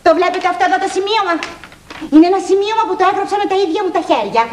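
A woman playing a flustered, indignant school headmistress in a 1980s children's TV show, with a high, theatrical, exasperated delivery. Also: lively intonation. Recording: roomy old TV recording with faint hiss.

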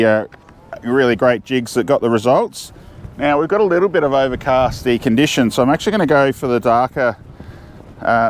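Fishing off a windy outdoor jetty, a middle-aged Australian man vlogs in a mid-range voice, chatting casually to camera. He thinks out loud and keeps restarting his sentences, with slight background noise in the clip.

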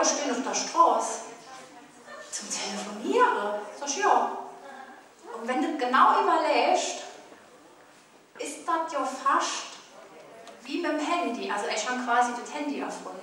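High-voiced Saarland woman in echoey hall. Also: animated, unhurried, pauses often, a bit bright. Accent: Saarland German. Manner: chatty storytelling, acting out dialogue. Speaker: carnival comedian. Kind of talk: carnival stand-up monologue. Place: large carnival hall with audience. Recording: distant, echoey hall with crowd.

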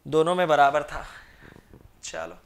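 A woman's voice: deep voice, fairly even intonation, measured pace, gravelly. A woman teaching an exam-prep math lesson, talking through each step by asking and answering her own questions. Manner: talks through steps in mock dialogue, asking and answering; mixes English terms into explanation.

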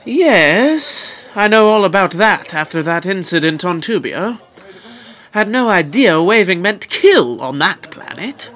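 A man's voice: high-pitched, very animated, measured pace, fairly bright tone, exaggerated voice. A man voicing the Doctor as a fussy, theatrical time-traveller who scolds his companion. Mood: scolding.

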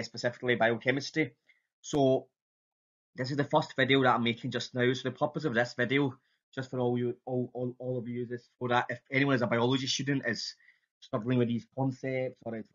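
A man with a strong Scottish accent giving an informal, somewhat halting biology lecture over slides. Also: mid-range voice, a bit bright, dull audio.

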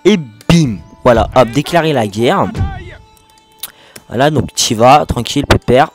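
A man with a French accent giving a casual, rambling gameplay tutorial, talking fast and swearing constantly. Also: medium pitch, lively intonation, faint music behind. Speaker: gaming video host.

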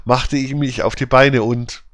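A man's voice: mid-range voice, steady tone, no echo, close to an everyday voice. Storybook puppet boy, cocky and emphatic, read by a man, dry close recording. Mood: boastful. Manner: bragging, slow and emphatic. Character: boastful wooden puppet boy, cocky, then scared.

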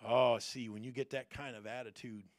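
A man preaching a folksy sermon, repeating phrases and sometimes bursting into loud shouted prayers. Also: medium pitch, steady tone, moderate pace, no room sound.

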